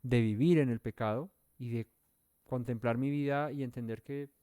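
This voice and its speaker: A man's voice: medium pitch, steady tone, moderate pace, dark tone, clean tone, no room sound, studio quality. Earnest man teaching a Bible study. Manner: earnest, explanatory, pressing key points with rising emphasis; self-correcting, searching for words aloud.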